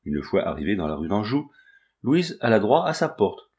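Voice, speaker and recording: A man narrates a classic children's tale in a calm, measured reading. His voice sits on the low side. He speaks directly to his listeners and shapes each phrase with care. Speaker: audiobook reader. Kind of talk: scripted storybook narration.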